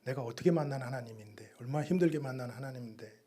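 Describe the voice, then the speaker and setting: A man giving a missionary's sermon testimony in a church, telling his story with sudden loud and soft turns. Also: mid-range voice, quick pace. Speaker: missionary preacher.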